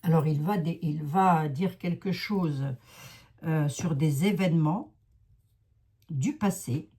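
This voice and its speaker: Speaking slowly in a deep, warm, husky voice, a woman with a Lorraine French accent reads tarot cards for her viewers. She's a psychic card reader on a casual livestream, chatty and self-mocking.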